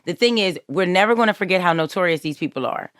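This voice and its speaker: A woman hosting a podcast, telling crime stories in a casual, animated way and acting out what people said. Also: on the low side, fast talker, dry recording, studio quality. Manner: animated storyteller, acts out quotes. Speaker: podcast host. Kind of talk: casual true-crime chat.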